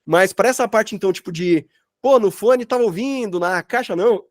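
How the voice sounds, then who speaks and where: His voice sits high and moves a little quickly, captured with studio quality and no room sound. He's a Brazilian sound designer leading an online workshop from his own space, chatting casually, musing aloud, and frequently correcting what he's just said.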